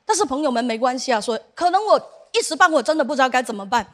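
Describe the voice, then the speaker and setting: A woman's voice: high-pitched, animated, very fast. A young woman performing a stand-up comedy set, telling stories and acting out the people in them. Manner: storytelling, acts out quoted voices. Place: theater stage with audience.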